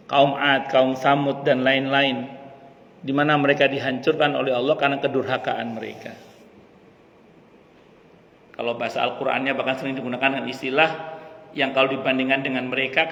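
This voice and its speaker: A man's voice: medium pitch, gravelly, a bit bright. A man preaching to a women's study group in a mosque, often repeating himself and asking the audience questions. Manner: repetitive, asks the audience questions. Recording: echoey hall, dull lo-fi sound.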